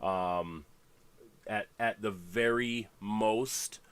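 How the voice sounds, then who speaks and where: Male league host, congested, low-pitched, loose rambling livestream chat with fillers. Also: drawn-out words, clean tone. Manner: rambling, full of fillers and restarts.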